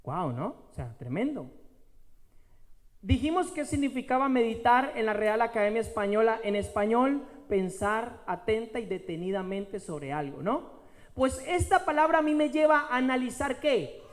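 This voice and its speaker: A man preaching a sermon, slowing down and stretching key words for emphasis and repeating phrases. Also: extremely high pitch, expressive, long reverb tail.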